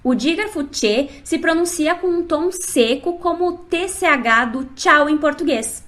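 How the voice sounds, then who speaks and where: A woman with a notably high voice teaches an online language lesson. Her delivery is clear and instructive. She addresses the learner directly as she walks through each point. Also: expressive, measured pace, fairly bright tone. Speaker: Spanish teacher.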